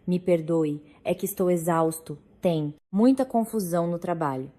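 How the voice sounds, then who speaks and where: A woman's voice: on the low side, moderate pace, mellow, natural voice. A woman narrator voicing an irritable, tired husband in a short curt complaint. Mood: irritated. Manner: curt, grumbling.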